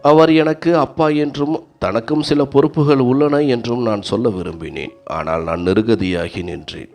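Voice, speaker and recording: A man's voice: mid-range voice, moderate pace, a little mellow, faint music behind. A man narrating a scripted family story in the first person, earnest and dramatic.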